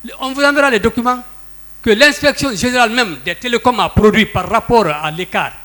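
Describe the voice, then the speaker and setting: Combative high-pitched man testifying. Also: brisk, pushed and bright. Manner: insistent, combative, talks over questions. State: slightly out of breath. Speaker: trade union leader testifying in court. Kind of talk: courtroom testimony. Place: courtroom.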